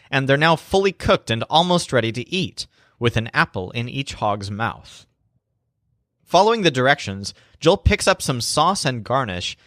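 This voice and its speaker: A man teaching a language lesson, telling a mnemonic story in animated scripted narration and spelling words out. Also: mid-range voice, dry recording, studio quality.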